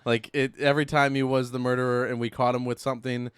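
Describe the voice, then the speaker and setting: This is a young man co-hosting a laid-back podcast who tells stories fast. His voice is smooth and clear, and it sounds dry and close. He likes to tease and spins his stories with energy. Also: mid-range voice, dry recording. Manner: animated storyteller, teasing. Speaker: podcast co-host. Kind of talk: casual chat.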